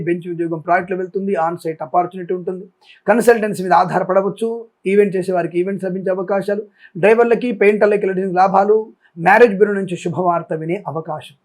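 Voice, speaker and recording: A man's voice: high-pitched, a little mellow. A man hosting a daily horoscope show as an astrologer, rattling off long lists and making emphatic appeals. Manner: rapid listing, emphatic appeals. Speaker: astrologer and channel host.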